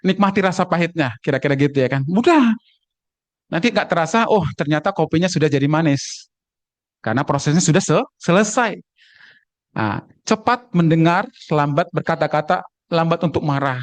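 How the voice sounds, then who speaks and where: Joking Indonesian pastor preaching. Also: male voice, fairly high pitch, fairly quick, dry recording. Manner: humorous, acts out voices and dialects. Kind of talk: sermon with jokes.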